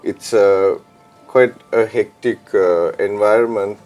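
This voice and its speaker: A man in his thirties from Sri Lanka, a chef and DJ, answering interview questions in a relaxed, reflective way with many ums and uhs, on a lapel mic in a studio. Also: fairly low pitch, takes it slowly, soft background music. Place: studio set with pink backdrop.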